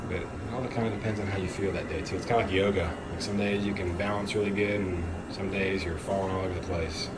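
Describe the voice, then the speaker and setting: A man with a fairly low voice hosts in a casual, explanatory way. He sounds encouraging and conversational, and steady noise is clearly audible behind him in the garage. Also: quick pace, hardly any pauses. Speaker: host guiding an ice bath demonstration. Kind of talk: casual explanatory vlog talk. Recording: clear background noise, humming ambience.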